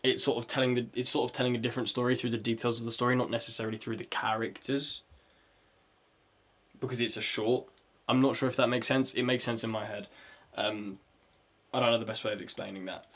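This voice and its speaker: This man speaks quickly in a fairly bright, mid-range voice with little pitch movement. He's a vlogger drafting a script, chatting casually, rambling, swearing often, and trying out words aloud.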